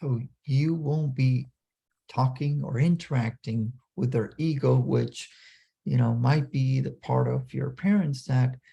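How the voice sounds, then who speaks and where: A man leading a spiritual seminar with a guided meditation, speaking deliberately in short phrases with pauses. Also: medium pitch, vocal fry, dark tone, breathy edge. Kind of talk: slow guided meditation and invocation.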